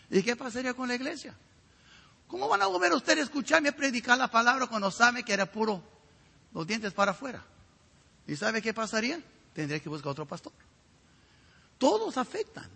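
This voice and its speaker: A middle-aged male pastor preaching a sermon with a raspy, gravelly voice and emphatic rhetorical questions. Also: sits high, bright, forceful tone. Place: church sanctuary. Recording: reverberant hall.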